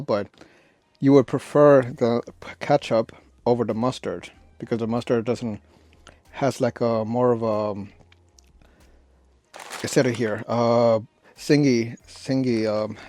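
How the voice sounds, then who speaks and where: A man's voice: medium pitch, fairly even intonation, darkish tone. Rambling man reviewing snacks over noise. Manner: rambling, halting delivery with self-corrections. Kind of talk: casual unscripted food review. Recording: noisy, clicks and crinkling bag rustle. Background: crinkling snack bags and clicks.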